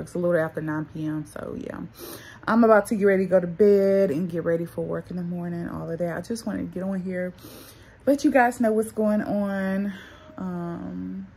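A woman's voice: on the low side, creaky, darkish tone, a little hiss or hum. A young woman from North Carolina, chatting casually to her viewers in a vlog, a little muffled from the retainers she has in. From North Carolina, USA. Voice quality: talks with retainers in, slightly muffled. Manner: chatty, addresses viewers as y'all and girl. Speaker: vlogger.

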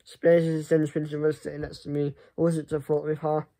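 A young man chatting casually to camera in a halting, rambling way that often trails off. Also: on the high side, monotone, gravelly, dark tone. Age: young adult. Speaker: vlogger. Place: small furnished room indoors. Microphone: phone at arm's length.

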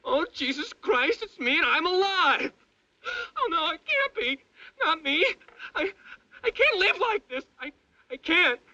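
An actor playing a young soldier's halting, stammering inner monologue that swings between hushed dread and panic. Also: male voice, medium pitch, animated, slightly rough, lo-fi sound. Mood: hysterical. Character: young male soldier, maimed, trapped and frightened. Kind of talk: film voice-over inner monologue.

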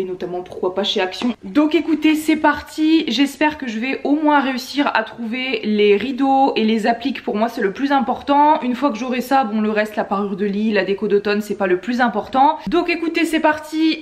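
A woman in her twenties with a slightly sleepy voice, chatting casually as a vlogger. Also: on the high side. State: sleepy, just woke up. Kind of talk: casual vlog chat. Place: living room at home. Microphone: camera at arm's length.

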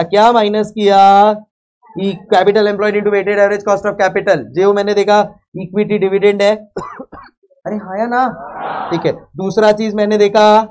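A high-pitched male accounting lecturer with an Indian accent teaches a live class in a lecture hall, speaking Hindi sprinkled with English phrases. He is loud and emphatic, sometimes calling out, and keeps firing check questions at his students.

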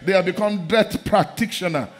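A middle-aged man preaching a sermon in a large church hall, fervent and repetitive, often breaking into shouts. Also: high-pitched, normal speed.

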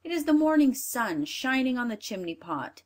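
A woman voicing a harsh, scornful stepmother in a storybook reading, sharp and commanding. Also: a little high, big pitch swings, normal speed, pitched above the performer's own voice. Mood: scolding. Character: harsh scolding stepmother, middle-aged woman.

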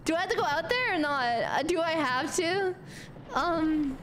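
A young woman streaming a game, chatting to her viewers, giggling and filling pauses with "um". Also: extremely high pitch, very noisy. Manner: talks to chat, animated, giggly, mumbles "um" often. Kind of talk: casual gameplay commentary.

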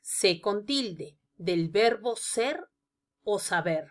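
A woman narrating a scripted grammar lesson, explaining each example slowly and deliberately. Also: medium pitch, expressive. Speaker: teacher.

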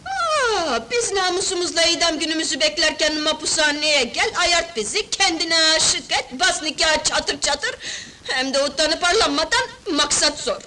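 An actress playing a brash, streetwise young wife who talks loud and slangy in an old film. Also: female voice, very high voice, animated, normal speed, exaggerated voice. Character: brash streetwise young woman, bold, pushy. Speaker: newly married wife in a film. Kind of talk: 1970s film dialogue. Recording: noisy old film soundtrack.

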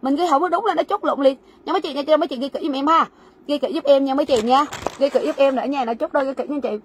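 A woman's voice: sits high, fast, a little hiss or hum. A woman selling goods on a livestream, repeating sizes and prices and urging viewers to write down their orders. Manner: repetitive, coaxing viewers to comment orders. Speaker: livestream seller. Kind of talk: fast live-sale patter. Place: warehouse.

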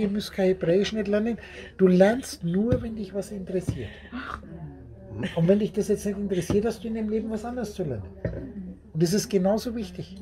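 A man's voice: high voice, dark tone. A man giving a rambling, repetitive spiritual talk to a small group at a meeting, often laughing as he speaks.

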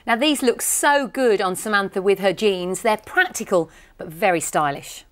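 A woman's voice: mid-range voice, normal speed, a bit bright. A middle-aged British woman hosting a shopping channel, delivering upbeat scripted sales patter in a studio. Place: TV studio lounge set.

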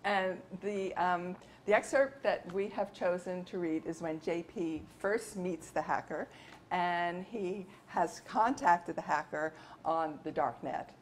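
A woman author reads her novel aloud in a steady, measured way. Her voice sits on the lower side, with a faint hum of the room around her. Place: bookstore event.

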